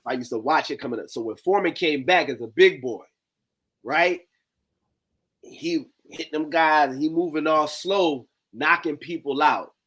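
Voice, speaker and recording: A man in his forties telling stories in a slangy, animated, conversational way on a video call. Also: on the high side, a little slow, breathy edge. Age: 40s. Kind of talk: casual chat.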